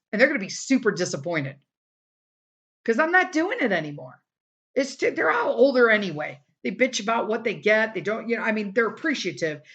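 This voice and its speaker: A middle-aged woman with a slightly high, fairly bright voice hosts a casual solo podcast. She speaks bluntly and emphatically, swearing now and then, and her voice is starting to wear out after a day of recording.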